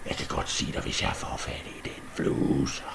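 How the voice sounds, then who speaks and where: A man voicing a stubborn, vengeful male dwarf smith in a storybook, who talks gruffly and sometimes in a hush. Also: in a whisper, close to an everyday voice. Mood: grim.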